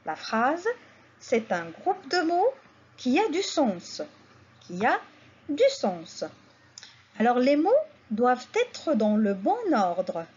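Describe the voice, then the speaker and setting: A woman teaching a beginner French lesson, speaking slowly and repeating each key word. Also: a little high, husky, lo-fi sound. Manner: slow, repeats key words, lively teaching intonation. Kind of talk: slow, deliberate French lesson for learners.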